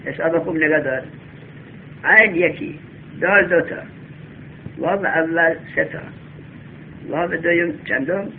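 A male teacher giving a classroom lesson, reading a text slowly aloud, then explaining it and quizzing his students. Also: on the high side, gravelly. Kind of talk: classroom lesson on Arabic grammar. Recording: tinny lo-fi recording with faint hum.

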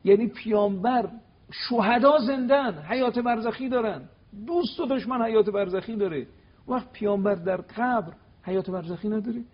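A man giving an animated religious talk on television, telling stories and acting out quoted exchanges with emphasis. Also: slightly rough, muffled recording. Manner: emphatic, acts out quoted dialogue with rising pitch. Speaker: cleric guest on religious TV talk. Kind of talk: animated religious lecture with storytelling.

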